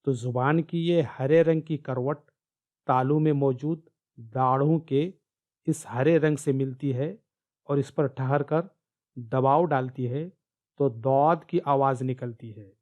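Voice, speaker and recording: A man teaching Quran pronunciation, explaining slides slowly and carefully and repeating key sounds. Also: mid-range voice, fairly even intonation, darkish tone. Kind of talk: explaining slides in a recorded lesson.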